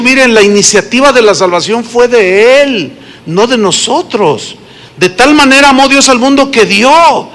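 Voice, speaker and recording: A man's voice: very high-pitched, a bit bright. A man with a Mexican accent preaching a sermon to his congregation, telling stories and asking them questions. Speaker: pastor. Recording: long hall reverb.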